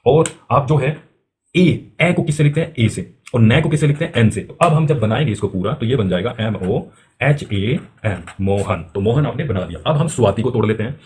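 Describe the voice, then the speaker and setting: Male teacher, mid pitch, patient question-and-answer delivery for beginners. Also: lively intonation, a little fast, a little mellow, a little hiss or hum. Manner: step-by-step explaining, asks and answers himself; repeats filler phrases, drags out spelled letters. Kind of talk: spoken-English lesson for beginners.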